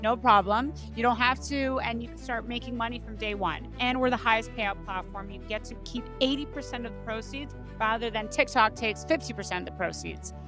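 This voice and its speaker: A woman's voice: fairly high pitch, fairly quick, few pauses, over music. A woman from Canada, a startup co-founder, talking with energy as a guest in a casual podcast interview. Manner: energetic, upbeat, laughs often.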